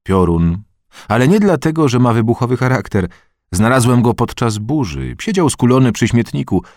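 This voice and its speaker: A man voicing a friendly, smooth-talking adult male stranger who coaxes in an easy tone, in an audiobook reading. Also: mid-range voice, animated, normal speed, a little mellow, no room sound, clean studio sound, voice pushed up, natural voice. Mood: coaxing. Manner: coaxing, easygoing.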